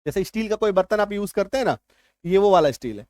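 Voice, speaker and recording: A man's voice: high-pitched, lively intonation, fast, darkish tone, no room sound. A man teaching English spelling rules, repeating points and checking if students follow. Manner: repetitive, reassuring, keeps checking understanding. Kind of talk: spoken lesson explaining spelling rules.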